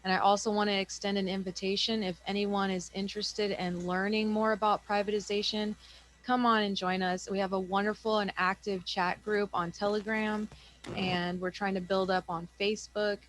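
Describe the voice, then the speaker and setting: A woman's voice: medium pitch, level tone, normal speed, poor audio. Upbeat woman hosting an online class. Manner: upbeat, welcoming, promotional. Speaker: class host.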